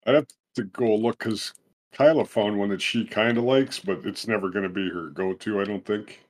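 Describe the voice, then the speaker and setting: A man's voice: on the low side, steady tone, normal speed. A man co-hosting a podcast, talking in a laid-back way and laughing often. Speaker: podcast co-host. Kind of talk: casual chat.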